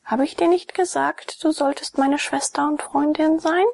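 A woman reading as a gentle noble young lady. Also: sits high, steady tone, moderate pace, creaky, no room sound, voice pushed up. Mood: tender.

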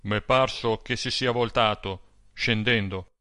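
A man reading an audiobook, voicing a burly, brooding man who speaks in a rough, tense tone. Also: lowish voice, steady tone, slow, dry recording, clean studio sound. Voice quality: rough, dark tone.

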